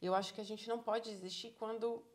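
A woman in her thirties with a Bahian Brazilian accent, telling her story in a casual interview in a lively, encouraging way. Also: a little high, fast talker. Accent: Bahian Brazilian Portuguese. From Salvador, Bahia, Brazil. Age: 30s. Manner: animated storyteller, acts out quoted dialogue, encouraging. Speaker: interviewee, psychologist living abroad.

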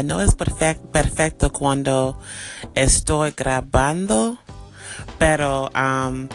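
A native English speaker talking casually and haltingly in a voice message, searching for words. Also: medium pitch.

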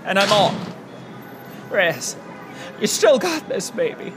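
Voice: mid-range voice, very animated, takes it slowly, over music. A stage performer talking in a theatrical, grandiose, self-dramatizing way, first from a car parked in a lot and then in a small restaurant. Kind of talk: comedic mockumentary talk.

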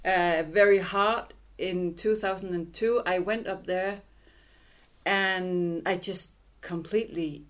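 Slow, thoughtful woman language teacher. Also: on the low side, steady tone. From Greenland and Denmark. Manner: slow, halting, thoughtful with many restarts. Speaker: Greenlandic language instructor. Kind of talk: casual interview conversation. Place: office in a theatre building.

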